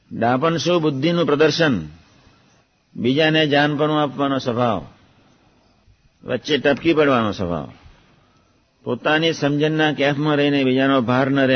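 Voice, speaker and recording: Man giving a devotional talk, muffled. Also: medium pitch. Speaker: religious speaker recounting a guru's teachings. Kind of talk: devotional discourse. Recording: muffled lo-fi recording.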